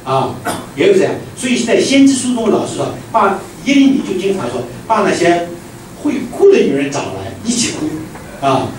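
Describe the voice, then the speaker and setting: Animated male pastor preaching in echoing hall. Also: high voice, normal speed. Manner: animated preaching, swings from loud exclamations to hushed quiet lines. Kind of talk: sermon. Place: church hall. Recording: echoey hall, distant mic, noisy.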